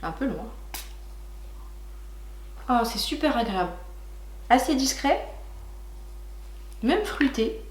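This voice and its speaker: A young woman chatting warmly to her viewers while unboxing makeup, gushing and filling pauses with little hesitations. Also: on the high side, big pitch swings, roomy sound, slight background noise. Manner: chatty and gushing, many fillers, talks to viewers as "licornes". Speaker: beauty vlogger. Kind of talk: casual makeup haul chat.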